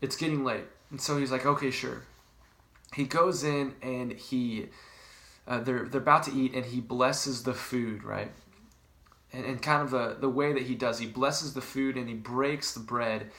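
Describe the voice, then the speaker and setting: A man's voice: mid-range voice, fairly even intonation, unhurried, pushed and bright. A man giving a casual video devotional, retelling a scripture story in a conversational way with plenty of fillers. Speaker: pastor.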